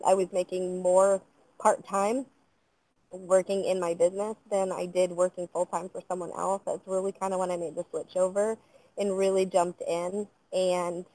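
A woman in her thirties, a small business owner, answering on a panel over a video call from outdoors in a measured, thoughtful way with frequent ums and uhs. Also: on the low side, mellow, no room sound, rough recording. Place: outdoors in front of trees. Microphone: webcam on a video call.

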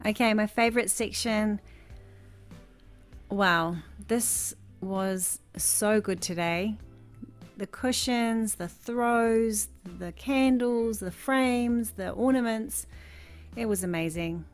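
A chatty vlogger in her thirties talks slowly in a medium-pitched voice over her shopping footage from her bedroom. With music faintly behind, her casual voice-over gushes and rambles.

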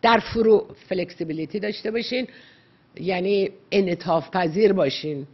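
A woman's voice: mid-range voice, husky, dull audio. A woman psychologist giving earnest, lecturing advice to callers on a radio call-in show, slipping English words into her talk.

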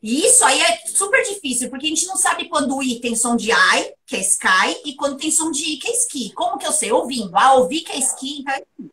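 A woman giving a private English lesson, lively and playful as she runs question drills. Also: sits high, fairly quick, hardly any pauses, distant mic. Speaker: English teacher.

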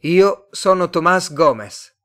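Brief: startled earthman on Mars, loud and raised, read by a male narrator. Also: high voice, animated, slow, pitched above the performer's own voice, full character voice. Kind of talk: audiobook character voice.

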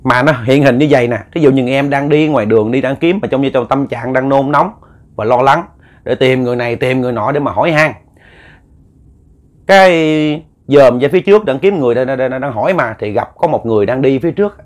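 Male storyteller, Southern Vietnamese accent, mid-pitched, folksy and rambling, trips over repeated words. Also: brisk. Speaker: ghost story narrator. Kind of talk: spoken ghost story narration.

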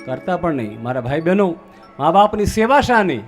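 Young Gujarati male preacher, high voice, rhetorical questioning, faint music behind. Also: sing-song, moderate pace. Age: young adult. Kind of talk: sermon.

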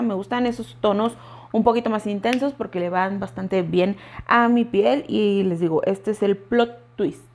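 A woman's voice: on the high side, vocal fry, a little mellow. Chatty woman reviewing products. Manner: chatty, keeps addressing viewers directly. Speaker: beauty vlogger.

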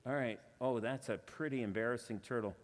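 In a large hall, a man with a mid-range voice talks a little fast while performing illusions with a volunteer for a live church audience. His patter is chatty and self-deprecating, full of playful asides.

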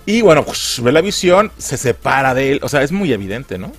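Energetic Mexican man reviewing a film in casual, slangy talk. His pitch swings widely as he mocks the plot. Faint music plays softly underneath. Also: moderate pace. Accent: Mexican Spanish. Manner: crude slangy mockery.

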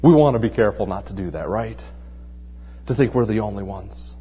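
A man preaching a conversational sermon who asks rhetorical questions and drops into a hushed voice to make his points. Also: lowish voice, fairly quick, husky, big-room sound. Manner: tells jokes in a relaxed storytelling way. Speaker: pastor.

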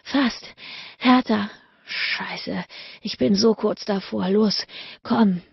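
A woman voices an intense adult male lover in an audiobook, murmuring low with a rough, deep quality. The voice is gravelly and husky. The recording is dull and dry. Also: slow, dry recording, heavily acted. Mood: heated, breathless. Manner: low, murmured, breathy delivery.

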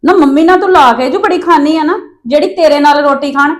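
A woman's voice: high-pitched, fairly quick. A woman with a Punjabi accent acting a sister-in-law who argues defensively in a family drama. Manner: defensive, arguing.

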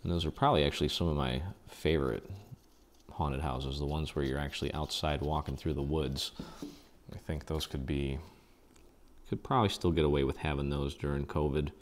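Speaking a little fast in a very deep voice, a man walks through a paper craft project step by step in a laid-back, chatty tutorial, filling pauses and musing aloud while he crafts.

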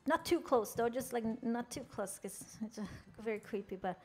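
A fairly high-pitched young woman talks at normal speed with a Norwegian accent. The Norway-born game streamer is chatty and jokey, talking with her viewers while narrating her character.

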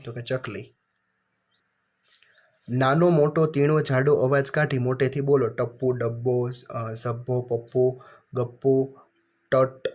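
A man teacher, reading out workbook answers to children in a flat, list-like way. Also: mid-range voice.

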